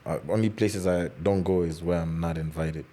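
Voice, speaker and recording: Deep-voiced, playful Kenyan man. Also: steady tone, normal speed, mellow. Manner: playful, boastful. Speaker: rapper, podcast guest. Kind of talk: casual chat mixing Swahili and English.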